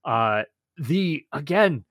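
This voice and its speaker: A man's voice: a little high, lively intonation, very slow, fairly bright tone, no room sound, studio quality. A man co-hosting a podcast, chatting casually and gushing enthusiastically as he reviews episodes. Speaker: podcast co-host.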